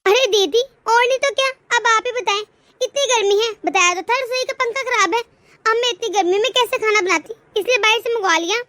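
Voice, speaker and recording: A woman's voice: very high-pitched, brisk, sharp tone. Woman voicing a whiny young cartoon wife. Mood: complaining. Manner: whiny, indignant. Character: young wife, complaining and sharp-tongued. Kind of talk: cartoon story voice acting.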